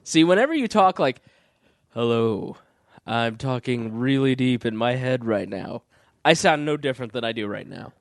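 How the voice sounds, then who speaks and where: A young podcast co-host, still getting over a cold, chats casually with a slightly phlegmy, mid-range voice. He's animated and laid-back, joking around at a moderate pace and now and then reading news items aloud. The studio-quality recording has no room sound.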